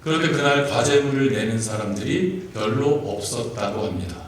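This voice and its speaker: Man, pastor, lively sermon voice, jokey questions to the congregation, big echoey church, mic a bit far off. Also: medium pitch, normal speed, a little hiss or hum. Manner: playful, asks the congregation questions, chuckles. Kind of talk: sermon with jokes and congregation interaction. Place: church sanctuary.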